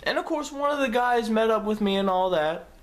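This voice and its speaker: A man's voice: high voice, a little fast. Young male vlogger, casual storytime delivery, swears freely and tells it with energy. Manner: profane, animated storytelling.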